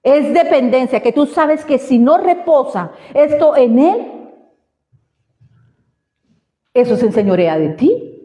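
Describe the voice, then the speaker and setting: A woman's voice: high voice, lively intonation, slow, pauses often, mellow. Fervent woman preaching in a hall. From Colombia. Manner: fervent, asks the congregation questions. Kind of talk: sermon. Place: church hall. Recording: reverberant hall, dull lo-fi sound.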